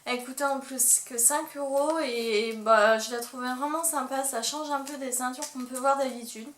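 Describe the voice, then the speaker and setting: Chatty young woman with a high voice. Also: steady tone, moderate pace, a bit bright. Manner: chatty, many fillers and restarts. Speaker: beauty vlogger. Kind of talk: casual haul vlog. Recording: echoey room with faint noise.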